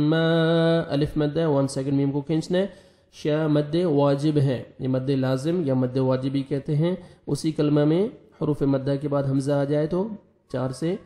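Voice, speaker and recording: A man with a Pakistani Urdu accent teaching Quran recitation. He spells out each syllable by letter and vowel mark, then recites the words slowly and loudly. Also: fairly high pitch. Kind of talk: slow drawn-out recitation with quick explanations.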